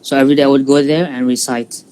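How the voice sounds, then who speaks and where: During a relaxed live-stream interview, an Indonesian student in his twenties tells his story in a halting way, filled with fillers and restarts. His mid-range voice is mellow and clean, with little pitch movement, and the recording is low quality.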